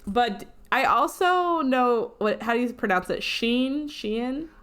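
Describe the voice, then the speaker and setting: A woman in her thirties co-hosting a podcast in casual chat, animated and filling her talk with "like". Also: fairly high pitch, a little slow, clear, resonant tone. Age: 30s. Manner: animated, talky, lots of "like". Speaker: podcast co-host.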